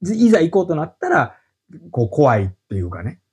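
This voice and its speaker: Lively middle-aged man with a Kansai accent. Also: on the high side, a little fast, crowd noise. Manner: animated, explanatory storytelling. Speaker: guest. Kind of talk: casual podcast chat.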